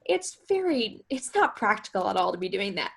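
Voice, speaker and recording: Gravelly and husky, her medium-pitched voice is very animated and moves at a normal speed. As host of a guitar lesson, she explains each step and keeps asking rhetorical questions.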